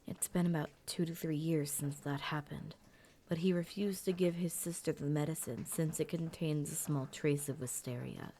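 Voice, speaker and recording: A woman voicing a calm, measured older male leader of demon hunters in a storybook audio drama. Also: deep voice, slight background noise.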